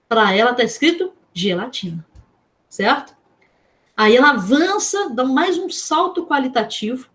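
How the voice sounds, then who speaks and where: Brazilian woman teaching, asking the class questions. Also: on the high side. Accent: Brazilian Portuguese. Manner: explains with questions to the class, checking in with "certo?"; spells out letters slowly. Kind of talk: online class lecture.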